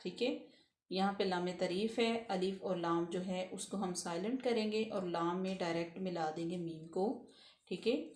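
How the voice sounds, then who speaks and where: A woman teaching Quran recitation rules step by step, patiently explaining each letter and then reciting the words slowly. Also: lowish voice, darkish tone, reverberant. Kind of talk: step-by-step tajweed lesson.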